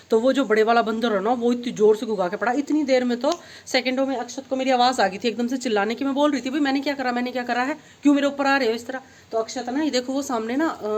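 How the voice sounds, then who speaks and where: Middle-aged woman vlogger, slightly high voice, chatty storyteller on a phone mic. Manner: chatty storytelling, grows excited retelling events. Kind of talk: casual vlog chat.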